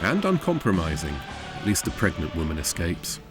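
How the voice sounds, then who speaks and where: A man's voice: low voice, huge pitch swings, moderate pace. A man narrating a scripted video essay about horror films as host, with a dry, wry delivery. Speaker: host and film critic. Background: music.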